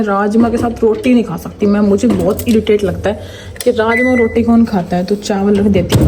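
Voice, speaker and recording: In her casual daily vlog, a young mother chats and vents around the house, and when she turns to her daughter she drops into high sing-song baby talk. The background is noisy.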